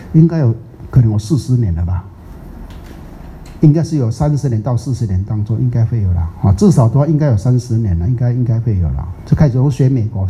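Dark-voiced older teacher. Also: male voice, mid-range voice, a little hiss or hum. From Taiwan. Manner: chatty, teasing, drawn-out English words. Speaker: Buddhist teacher. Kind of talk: casual dharma talk. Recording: muffled lo-fi recording.

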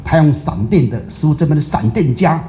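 A man speaking as a Buddhist master in a dharma talk, telling stories in a lively way, often quizzing his listeners and dropping English words into his speech. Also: fairly high pitch, a little fast, slight background noise.

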